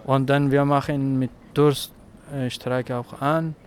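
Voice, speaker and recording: A man from Afghanistan, a protester speaking in halting, broken German with many pauses. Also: mid-range voice, level tone, darkish tone. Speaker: asylum-seeking protester. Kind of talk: street interview. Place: outdoors in a city street. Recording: faint traffic noise outdoors.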